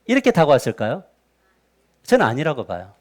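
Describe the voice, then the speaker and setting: Animated high-voiced male pastor preaching. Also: a little fast. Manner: animated, asks the congregation rhetorical questions. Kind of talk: sermon. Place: church sanctuary.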